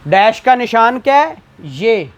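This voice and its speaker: A man's voice: extremely high pitch, sing-song, slow. A man giving a classroom lecture as a law exam tutor, asking questions and answering them himself.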